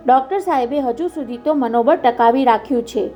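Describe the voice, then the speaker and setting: A man's voice: extremely high pitch, dark tone, highs cut off, faint music behind. A woman voicing a flustered young male doctor whose voice chokes, in a storybook reading. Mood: distressed. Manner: hurried, choked.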